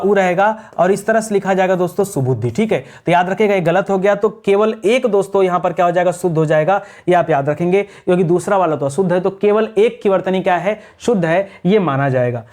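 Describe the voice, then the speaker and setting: A man's voice: high voice, a little mellow. Man drilling Hindi spelling answers. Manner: drills answers with repeated rhetorical questions. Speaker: Hindi grammar teacher. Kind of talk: exam revision lecture.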